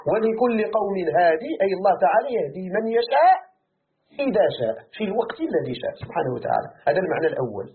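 A man's voice: high voice, very fast. A man with a Moroccan accent teaching a Quran commentary lesson, who asks his students questions and answers them himself. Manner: animated, rhetorical questions to students. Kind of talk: classroom tafsir lesson. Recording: tinny phone-like recording.

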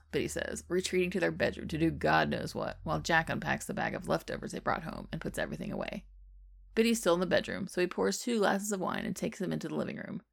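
A woman reading a fan fiction story aloud as narration in a steady, even way. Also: on the low side, creaky, no room sound. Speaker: podfic reader.

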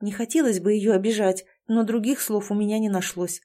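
A young woman reading a first-person fantasy novel aloud, with lively storytelling. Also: medium pitch, a little fast. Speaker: audiobook narrator.

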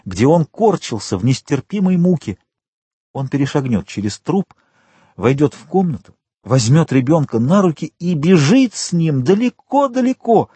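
Man reading a dark classic novel aloud, lively pitch, a little husky, dry sound. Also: no echo. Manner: dramatic, expressive reading. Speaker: audiobook narrator. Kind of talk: scripted audiobook narration.

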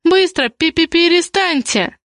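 A woman's voice: a little high, expressive, measured pace, dry recording, studio quality. A woman voicing an angry young woman who stutters in her outbursts, in an audiobook reading. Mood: furious.

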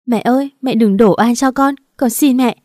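A woman's voice: on the high side, normal speed, dark tone, dry recording, studio quality, voice pushed up, natural voice. A woman voicing a young daughter-in-law who begs and cries out in a raised, pained voice. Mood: pleading, pained. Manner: tearful begging.

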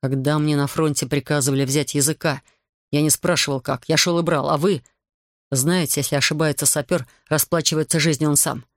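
A man's voice: a little high, fairly even intonation, brisk, no room sound, clean studio sound, close to an everyday voice. A man reading as a blunt, sarcastic ex-soldier. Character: curt, sarcastic former soldier and fisherman, a man.

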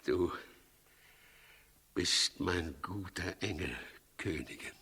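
In a 1960s German radio drama recorded in a reverberant studio hall, an actor plays the aging, ruthless King Herod, a bloodthirsty tyrant. His harsh, husky voice sits low and moves slowly, pushed and bright, heavily acted in a brooding, grim mood. The delivery is commanding, declamatory and menacing.

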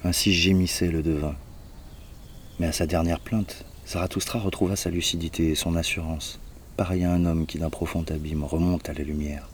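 A man reading an audiobook in a measured, even narration. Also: deep voice, slight background noise. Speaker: audiobook reader. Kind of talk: audiobook narration of a philosophical poem.

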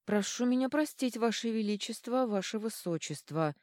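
A woman's voice: fairly high pitch, expressive, moderate pace, darkish tone, no echo, clean studio sound, voice pushed up, close to an everyday voice. A woman voicing a polite young prince who is tipsy and trips over his words. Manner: formal, stumbling over words.

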